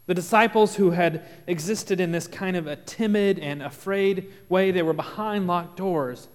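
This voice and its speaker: A man with a slight Texas accent delivers a sermon from the pulpit, explaining scripture in an earnest, teacherly way. His voice sits a little high for a man, and he lets his volume rise and fall around dramatic pauses. The sound carries the long reverb of a large church sanctuary. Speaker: pastor.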